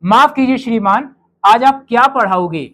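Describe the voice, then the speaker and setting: A male teacher gives a spoken English lesson to his students. He slows right down to say each sample sentence with care. He keeps quizzing the class with rhetorical questions. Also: extremely high pitch, bright, forceful tone, low-quality recording. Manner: says English model sentences slowly and clearly, then quizzes students.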